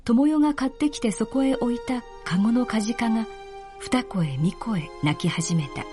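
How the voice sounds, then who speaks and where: A woman narrating a literary story in a calm, measured reading. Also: on the high side, over music.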